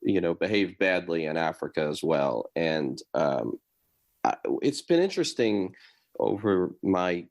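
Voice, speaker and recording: A man's voice: low voice, big pitch swings, unhurried. A man hosting a podcast, responding to his guest in thoughtful, loosely phrased casual talk. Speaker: podcast host.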